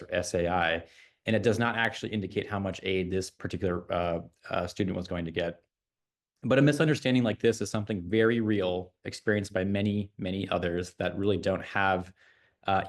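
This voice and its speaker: A man giving a conference presentation as a designer, speaking in a chatty way with many fillers and restarts. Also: fairly low pitch.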